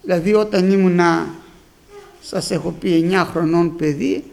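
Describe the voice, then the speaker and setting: Fervent older male preacher, gravelly voice. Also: high-pitched, darkish tone. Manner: fervent, repeats phrases, often calls out to the congregation as brothers. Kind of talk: Pentecostal sermon with personal testimony.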